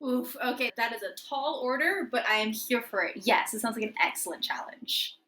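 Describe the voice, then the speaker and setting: A woman co-hosting a podcast, chatting in an animated, giggly way and explaining things eagerly. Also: a little high, brisk, a little hiss or hum. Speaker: podcast co-host. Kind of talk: casual podcast chat.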